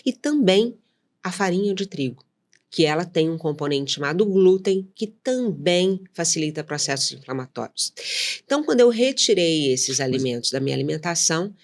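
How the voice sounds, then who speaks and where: A woman speaking as a nutritionist guest, with a lively voice that rises and falls a lot. She lays out her points one by one, like a teacher, and keeps checking that the listener is following. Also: sits low, moderate pace. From São Paulo, Brazil. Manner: didactic, lists points and checks in with "tá?". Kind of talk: explanatory interview talk.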